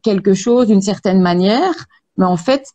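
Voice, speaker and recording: Mellow-voiced woman, calm and hesitant. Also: medium pitch, lo-fi sound. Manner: calm, measured, many hesitations. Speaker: Access Bars practitioner, guest. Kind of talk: interview about energy healing.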